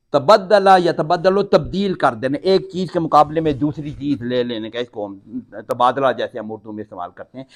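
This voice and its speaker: Leading a Quran class, this older man from Pakistan recites phrases in Arabic before patiently going over every word again and again. He sounds a little high.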